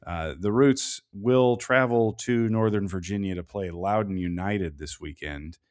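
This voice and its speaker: A man co-hosting a casual sports podcast, talking through soccer analysis in a measured way, thinking aloud with plenty of fillers. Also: on the low side. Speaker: podcast co-host.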